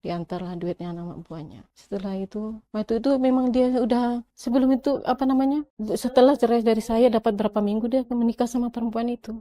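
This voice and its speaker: Middle-aged lady telling her story casually, quotes everyone's lines, dark warm tone, dry sound. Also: a little high, fairly even intonation, a little fast, no room sound. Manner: retells arguments by quoting both sides in dialogue; conversational, with many restarts and asides.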